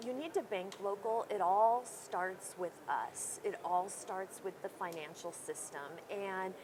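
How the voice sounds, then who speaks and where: At a busy conference hall, a credit union CEO, guest in an interview, talks at a measured pace in a mid-range voice. She runs a small credit union, chats in a self-deprecating way with plenty of fillers, and the recording picks up the noisy floor.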